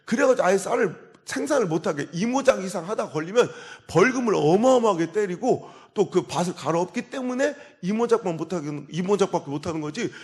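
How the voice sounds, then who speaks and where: Animated man preaching a revival sermon. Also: high-pitched, a little fast, few pauses. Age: 40s. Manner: storytelling with sudden loud outbursts and quiet asides. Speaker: pastor.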